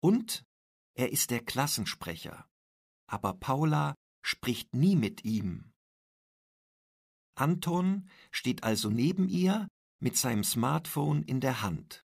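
Male narrator for learner stories, slow deliberate reading, gravelly and husky. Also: mid-range voice, big pitch swings, no echo, studio quality. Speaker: reader.

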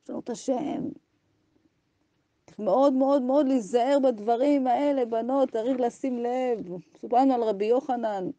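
A woman's voice: fairly high pitch, warm tone, dry recording. A woman teacher giving an impassioned Torah ethics lesson to women, arguing with rhetorical questions and acting out imagined dialogues.

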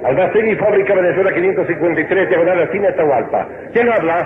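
A man with an Ecuadorian accent hosting a live call-in joke show on the radio, brisk and barking cues at callers. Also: high-pitched, expressive. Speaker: radio host. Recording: old tinny radio broadcast, echoey, noisy.

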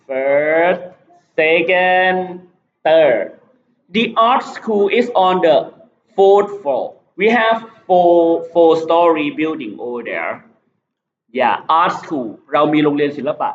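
A male teacher going over exam questions, reading English sentences slowly and explaining them. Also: fairly high pitch. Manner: reads English items slowly, explains in quick Thai. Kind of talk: exam prep lesson. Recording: dull lo-fi recording.

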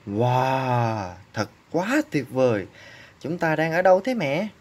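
A woman voicing a timid, excitable young kangaroo, exclaiming as she reads a storybook to a toddler. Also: rumbling low, takes it slowly, heavily acted. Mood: amazed.

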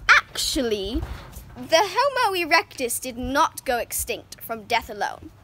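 A woman hamming it up as narrator of a mock nature documentary, excitable and giggly. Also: high voice, measured pace, slight background noise.

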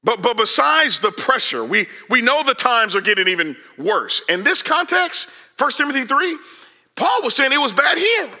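A man in his forties preaching a sermon on a large church stage, animated and conversational, swinging from loud calls to hushed asides. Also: extremely high pitch, moderate pace. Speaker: pastor.

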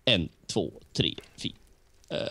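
A man's voice: pushed and bright, no echo. A Swedish man co-hosting a casual gameplay chat, counting blocks aloud and laughing easily. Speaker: let's play co-host.

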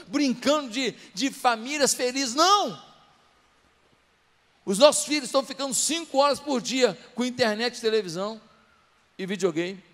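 A pastor preaches to his church in a strikingly high voice, pressing the congregation with rhetorical questions. His words ring out with a long, echoing reverb of a large church hall. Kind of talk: sermon.

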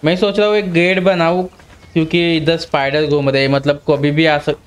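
A man's voice: a little high, moderate pace. A young man hosting a gaming channel, giving casual gameplay commentary and breaking into panicked yelps when attacked. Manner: excited, yelps in sudden panic.

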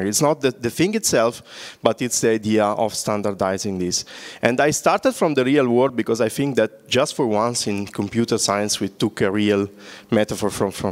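Speaking in a lowish voice through a handheld microphone, an older Italian-accented man presents a conference talk in a big hall. He keeps things light with jokes and engages the crowd by posing questions.

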